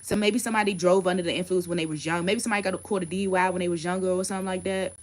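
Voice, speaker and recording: A woman's voice: lowish voice, steady tone, very fast. Blunt, cursing woman in her thirties. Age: 30s. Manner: blunt, profane, emphatic. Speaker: tarot card reader. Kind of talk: casual livestream rant and card reading.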